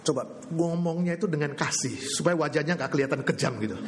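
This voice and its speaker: High-voiced preacher in a reverberant hall. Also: male voice, fast talker, noisy background. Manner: animated preaching with call-and-response and acted quotes. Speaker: pastor. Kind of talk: sermon. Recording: long hall reverb, faint ambience.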